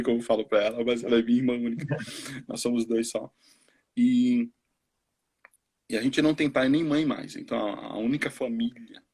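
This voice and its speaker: Brazilian man, forties, missionary giving a casual testimony. Husky, breathy tone; animated storyteller who acts out the voices of people he quotes. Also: medium pitch. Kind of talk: casual testimony on a live stream.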